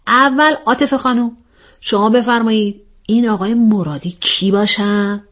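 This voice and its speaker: A woman's voice: fairly high pitch, big pitch swings, a bit bright, pitched above the performer's own voice. Woman putting on a bossy girl, mock-polite and commanding, raised voice. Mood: mock-formal. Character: bossy young woman playing mock interrogator. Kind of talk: storybook voice acting.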